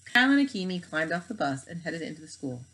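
Brief: woman reader, lowish voice, steady read-aloud storytelling. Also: quick pace, low-quality recording. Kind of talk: reading a children's novel aloud.

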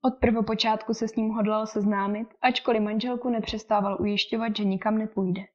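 A woman reading a classic novel aloud as an audiobook narrator, in an even, measured way. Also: mid-range voice. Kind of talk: scripted literary narration. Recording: dull lo-fi recording.

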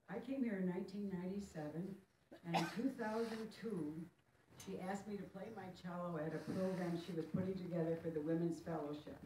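A woman's voice: on the low side, dark tone. A woman welcoming guests to a church fellowship tea in a chatty, self-deprecating way. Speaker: event organizer. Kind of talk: welcome speech. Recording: distant mic in echoey hall, faint room noise.

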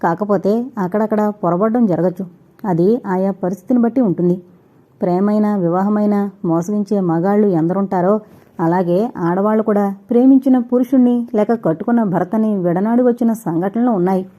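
A woman voicing an earnest young man who calmly reasons and pleads his love, read as an audiobook character. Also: medium pitch, moderate pace, close to an everyday voice. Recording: dull lo-fi recording.

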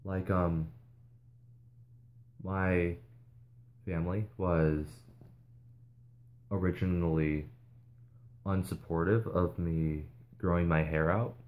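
A vlogger speaking to viewers in a casual, earnest way, hesitating often and restarting sentences. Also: male voice, low-pitched, steady tone, takes it slowly, pauses often, highs cut off. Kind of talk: casual advice vlog.

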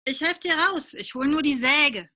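A woman's voice: high-pitched, moderate pace, pushed and bright, pitched above the performer's own voice. A woman voicing a distracted father who warns mildly from behind his newspaper in a picture-book reading. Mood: kindly. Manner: mild, absent-minded warnings.

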